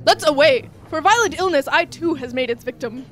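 A woman as a high-voiced, grandiose sick diner. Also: lively intonation, fairly quick. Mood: dramatic alarm. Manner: theatrical, grandiose. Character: melodramatic sick diner declaiming in archaic, grand phrases. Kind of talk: comic audio drama acting. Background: music.

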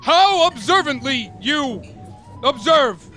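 A man's voice: extremely high pitch, sing-song, takes it slowly, sharp tone, heavily acted. A man playing a self-important, gallant suitor in a comic audio drama, with a pompous, theatrical way of talking. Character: flamboyant, self-important, alliterating gentleman suitor on a date. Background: music.

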